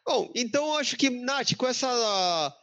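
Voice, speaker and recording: A man's voice: very high-pitched, expressive, moderate pace, a bit bright, highs cut off. A man with a Brazilian Portuguese accent hosting a podcast, blunt and joking in casual chat. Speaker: podcast host.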